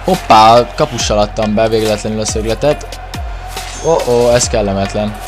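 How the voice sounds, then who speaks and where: Excitable Hungarian man calling a football game. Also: lowish voice. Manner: excitable, exclaims and stretches words during play. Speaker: gaming video creator commentating own match. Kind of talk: excited football gameplay commentary. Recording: music behind the voice. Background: music.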